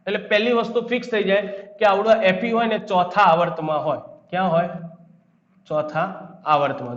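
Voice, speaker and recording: A man with a Gujarati accent giving a chemistry lecture, quizzing his students and then answering his own questions. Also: high-pitched. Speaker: chemistry teacher. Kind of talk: classroom lecture. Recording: echoey room, dull lo-fi sound.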